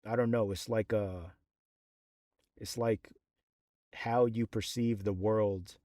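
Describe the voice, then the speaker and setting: A man's voice: lowish voice, a little mellow, no echo, clean studio sound. A man in his thirties, a rapper, talks about his album in a rambling, casual monologue full of fillers and restarts.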